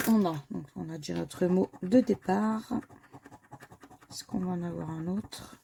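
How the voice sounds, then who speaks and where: On the low side, this woman's voice is husky and warm, with vocal fry. She scratches lottery tickets for her viewers in a casual scratch-card vlog, spelling out each letter and muttering quietly in between.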